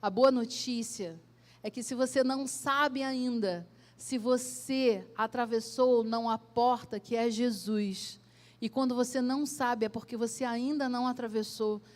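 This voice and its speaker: A woman pastor with a Brazilian accent preaching a sermon in a church, asking direct questions and swelling loud then dropping soft. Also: a little high, fairly even intonation, measured pace. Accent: Brazilian Portuguese.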